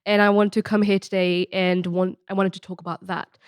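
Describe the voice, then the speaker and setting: A woman's voice: medium pitch, little pitch movement, brisk, clear, resonant tone, no echo. A young woman of eighteen, born in Bangladesh and raised in Spain, earnestly telling her story as a podcast guest, with many restarts and ums. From born in Bangladesh, grew up in Spain. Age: late teens. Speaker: podcast guest, student mentor. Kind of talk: podcast interview, personal story.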